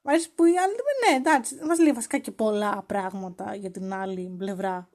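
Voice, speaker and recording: A woman's voice: medium pitch, a little mellow. A woman hosting a podcast, talking casually and teasingly as she acts out quoted lines. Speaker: podcast host.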